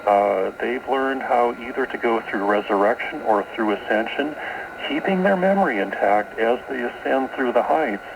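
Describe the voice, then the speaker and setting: Taped off air from a shortwave broadcast, the clip features a man interviewed as a guest author on the radio. His medium-pitched voice is expressive, with vocal fry and a normal speed, set against a noisy background. He explains esoteric ideas and often repeats words as he goes.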